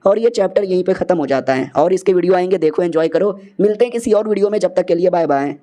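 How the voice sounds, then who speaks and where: A man's voice: sits high, fast talker, warm tone. A man narrating a story recap in a chatty, slangy way.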